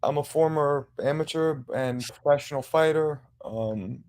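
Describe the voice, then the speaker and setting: A man's voice: fairly high pitch, measured pace, a little mellow. Easygoing New York man in his forties. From New York City. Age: 40s. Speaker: guest panelist. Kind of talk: casual panel chat.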